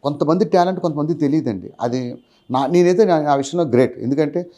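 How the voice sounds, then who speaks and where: A man, a comedian and writer, chatting as an interview guest and telling animated stories. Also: fairly high pitch. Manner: fast, animated storytelling. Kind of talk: casual interview chat.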